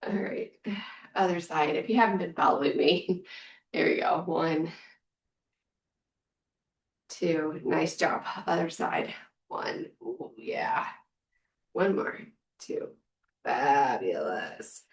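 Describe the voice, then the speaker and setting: A woman's voice: lowish voice, fairly even intonation, slow, long pauses. Woman coaching a home workout, echoey. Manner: upbeat counting and cheering reps. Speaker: fitness instructor. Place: room at home. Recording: echoey room from far off.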